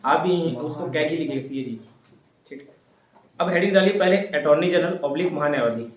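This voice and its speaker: A man teaches a class, dictating headings and spelling terms out word by word. His voice sits a little high, and it sounds distant and roomy, with a faint hiss behind it. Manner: dictates slowly, spells out words. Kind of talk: dictating a polity lesson to students. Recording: echoey room, voice from afar.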